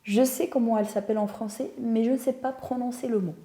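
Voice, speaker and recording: Young woman w/ telling her story, mellow voice, echoey room. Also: fairly high pitch, quick pace. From Tunisia. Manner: thoughtful, searches for words, animated when telling stories. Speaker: guest. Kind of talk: casual interview storytelling. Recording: roomy echo.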